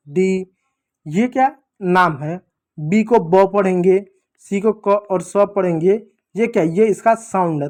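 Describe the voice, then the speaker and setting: A man's voice: high-pitched, a little mellow. A man teaching children English phonics in a classroom lesson, patiently repeating sounds and asking questions that he then answers himself.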